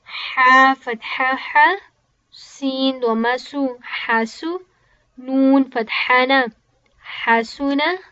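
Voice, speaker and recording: A woman's voice: high-pitched, steady tone, takes it slowly, pushed and bright, dull audio. A woman teaching Quran reading, spelling out each letter and vowel sign and then joining the syllables, with short explanations in simple English. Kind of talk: slow spelled-out recitation lesson.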